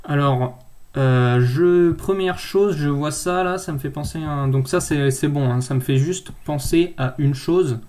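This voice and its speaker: A man's voice: fairly high pitch, moderate pace, hardly any pauses, dark tone. A man working as a nursing thesis tutor, correcting a student's abstract in an informal screen-share tutorial. He speaks directly to the viewer and hesitates often.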